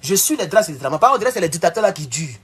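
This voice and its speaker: Blunt husky man hosting a livestream. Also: fairly high pitch, very animated, very fast, a bit bright. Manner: blunt, scolding, repetitive with many "voilà". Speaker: YouTube live host. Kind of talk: live stream monologue. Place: home in Mexico.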